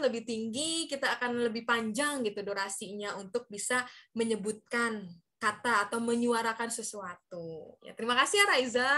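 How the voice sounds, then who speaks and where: A woman's voice: fairly high pitch, fairly bright tone. A woman who works as a voice actor, cheerfully teaching an online class for children over a video call.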